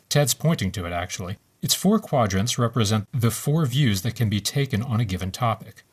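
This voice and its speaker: A man co-hosting a podcast, explaining screenwriting theory in a measured, lecturing way. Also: mid-range voice, husky. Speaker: podcast co-host. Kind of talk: explaining screenwriting, reading script scenes.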